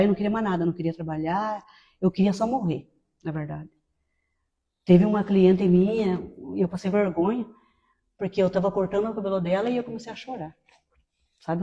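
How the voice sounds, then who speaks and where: A woman in her fifties giving a personal testimony in a conversational way, tagging many phrases with quick questions. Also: mid-range voice, vocal fry, mellow, big-room sound, lo-fi sound. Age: 50s. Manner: conversational, tag questions after most phrases. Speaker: testimony speaker.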